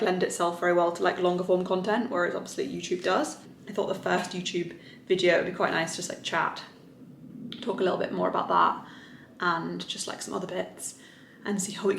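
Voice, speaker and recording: A woman's voice: fairly low pitch, gravelly, reverberant, a little hiss or hum. A woman in her thirties chatting casually to camera in a rambling vlog style, with lots of "like". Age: 30s. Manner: chatty, rambling, heavy use of "like". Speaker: vlogger. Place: bedroom at home. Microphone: camera on a stand.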